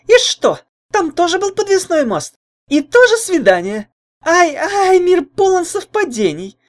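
A man reading an audiobook, voicing a tall, jealous, spiteful young woman who shrieks very high and loud. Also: big pitch swings, normal speed. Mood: mocking. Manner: shrill, screeching, spiteful.

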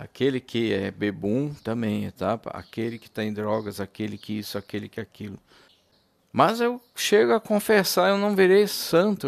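A man preaching an informal sermon, impassioned, swinging from loud to hushed, calling his listeners brothers and laughing between points. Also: mid-range voice, vocal fry, dry recording.

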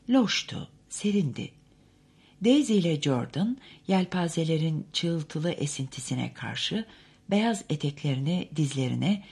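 Husky, low-voiced woman narrator. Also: darkish tone. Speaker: audiobook narrator. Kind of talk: literary audiobook narration.

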